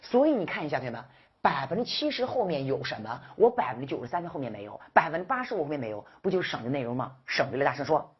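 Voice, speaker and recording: A woman with a low, heavily husky voice lectures an exam-prep English class. Her pitch leaps and dips as she fires rhetorical questions at her students and coaxes them to speak up. The classroom recording sounds dull and muffled. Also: racing. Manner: lively, rhetorical questions, scolding and coaxing the class.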